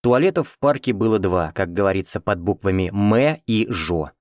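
A man's voice: lowish voice, animated, brisk, darkish tone, smooth, no echo, clean studio sound. A man reading first-person fiction as an audiobook narrator, in a conversational, wry storytelling manner.

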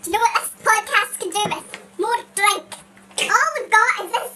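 Squeaky helium chipmunk voice. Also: female voice, moderate pace. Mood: chatty. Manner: silly, giggly. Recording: loud background noise.

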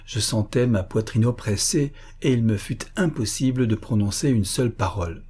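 A man reading a classic story aloud as scripted narration, in a steady, measured way and with a husky voice. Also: fairly low pitch. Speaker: audiobook reader.

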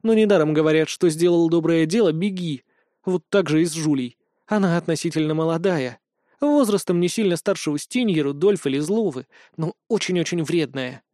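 A man's voice: a little high, brisk, mellow, no echo, clean studio sound, natural voice. A man voicing a proud, possessive female wolf goddess in an audiobook, haughty and jealous. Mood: lecturing.

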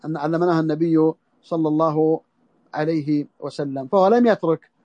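Male religious teacher, quick delivery, dry recording, repeats key phrases. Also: a little high, dry recording, highs cut off. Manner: repeats phrases slowly for emphasis. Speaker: Islamic scholar teaching a text. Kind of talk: religious lesson. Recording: audio lesson over the internet.

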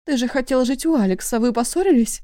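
A woman's voice: high-pitched, fast talker, dark tone, no echo, studio quality, pitched above the performer's own voice, natural voice. A woman voicing a flustered, caring middle-aged mother talking on the phone, anxious and affectionate. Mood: worried fussing.

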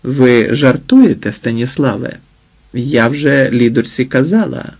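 A man voicing a stern elderly mother-in-law who speaks calmly and with restraint, in a storybook reading. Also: medium pitch, breathy edge. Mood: cool, composed. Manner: calm, measured, restrained.

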